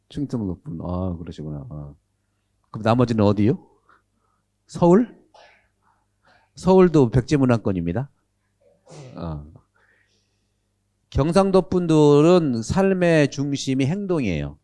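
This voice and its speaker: Lively priest lecturing, mellow voice. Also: male voice, mid-range voice, unhurried, long pauses. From Jeolla, Korea. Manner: animated, asks the audience questions. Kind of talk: catechism lecture to a live audience. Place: lecture room with an audience.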